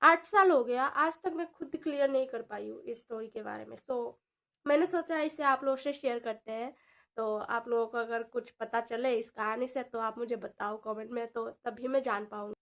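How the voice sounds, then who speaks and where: A woman in her twenties telling a personal story in an animated, dramatic way, mixing in English words and slang. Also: a little high, moderate pace. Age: 20s. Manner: animated, dramatic retelling with frequent asides. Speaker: vlogger. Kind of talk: casual storytelling vlog.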